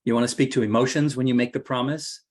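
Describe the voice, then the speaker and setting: A marketing coach runs an online course workshop, a man with a medium-pitched voice who talks fast. He keeps it relaxed and conversational, with frequent fillers and restarts.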